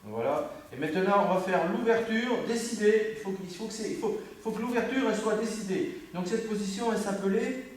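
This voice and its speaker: A man's voice: high-pitched, fairly quick. A man with a French accent coaching a student on a dojo mat, correcting and repeating himself. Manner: corrective, repeats himself, breaks off mid-phrase. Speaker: judo instructor. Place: judo dojo, indoors. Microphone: camera from across the room. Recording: very echoey room recorded from far off.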